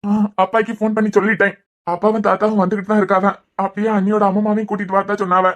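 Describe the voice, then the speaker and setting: A woman's voice: mid-range voice, level tone, very fast, close to an everyday voice. A woman voicing an anxious, blunt young man, the younger brother, in a Kanyakumari Tamil accent.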